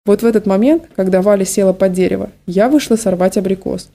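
A woman narrating a story in a calm, measured reading. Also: medium pitch. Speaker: audiobook narrator.

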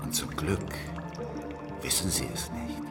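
A male actor with a bass voice plays a worn, calculating older spy in a German historical radio drama. He speaks gravely, deliberately, and conspiratorially in a confiding mood, yet animated. He sits far from the mic, and loud music plays over him.

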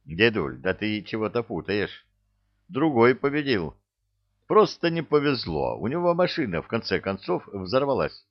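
A man's voice: lowish voice, big pitch swings, moderate pace, no echo, lo-fi sound. A man doing a shy young soldier. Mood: earnest. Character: modest young male soldier.

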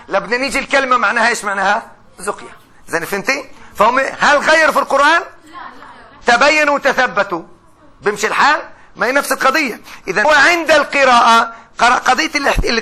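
A man's voice: extremely high pitch, pushed and bright. A man giving a classroom lecture on the Quran, explaining through rhetorical questions and drawing out recited words.

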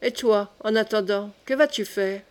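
A woman's voice: mid-range voice, moderate pace, lightly acted. A woman reading the part of a cunning young king who speaks in a wry, teasing way. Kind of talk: audiobook character reading.

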